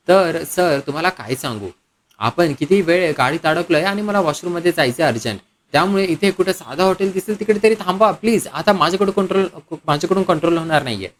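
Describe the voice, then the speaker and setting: A man's voice: fairly high pitch, slight background noise, close to an everyday voice. A man voicing a headstrong young woman in a retold serial, pushy and pleading.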